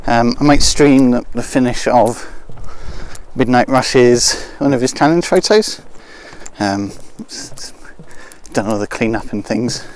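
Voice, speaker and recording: A man's voice: mid-range voice, unhurried, slight background noise. Man chatting on a live stream outdoors. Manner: wry, rambling, joking asides. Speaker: landscape photographer streaming live. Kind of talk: casual live-stream chat. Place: open heath outdoors at dusk.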